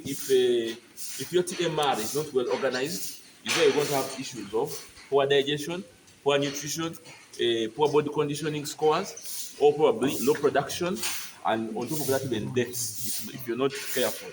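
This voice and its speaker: A man's voice: mid-range voice, normal speed. Man, farm guide, explanatory, keeps checking understanding, noisy barn recording. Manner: explanatory, keeps checking "you get my point?". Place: dairy cattle barn.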